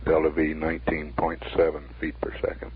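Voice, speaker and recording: A man giving formal spaceflight status commentary as a mission control announcer, measured, factual and deadpan. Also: rumbling low. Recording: narrow 1960s broadcast line, faint noise.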